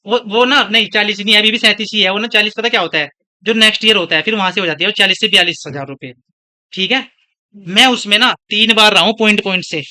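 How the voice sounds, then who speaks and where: Bright-voiced young male classroom teacher. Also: high voice, clean tone. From India. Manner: scolding, chatty, switches between lecture and anecdotes. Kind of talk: classroom lecture.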